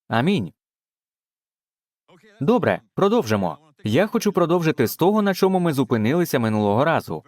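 Fervent male preacher, lively pitch. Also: dry recording. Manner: fervent, punctuated with exclamations of praise. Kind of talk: dubbed sermon.

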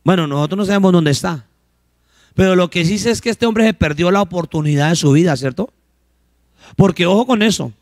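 A man preaching from the pulpit, in a voice that sits somewhat high for a man. He keeps asking the congregation questions and answering them himself, and he acts out short exchanges between characters. The sound is dry and close, with no room echo. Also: brisk, darkish tone. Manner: preaches with call-and-response questions, acting out little dialogues. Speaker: pastor. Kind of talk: sermon.

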